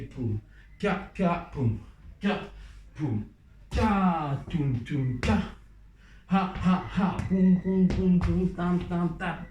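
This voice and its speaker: A man's voice: mid-range voice, darkish tone, distant mic, slight background noise. A man teaching a hip-hop dance class, counting beats and scatting rhythm sounds while he demonstrates moves. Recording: echoey room, voice off-mic.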